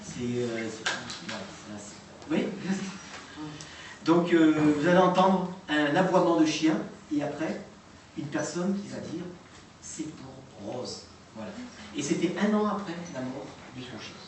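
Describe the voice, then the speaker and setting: A man's voice: on the high side, animated, measured pace. A man presenting recordings to a live audience in an informal, hesitant way, full of fillers and restarts. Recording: echoey room, distant mic, noisy.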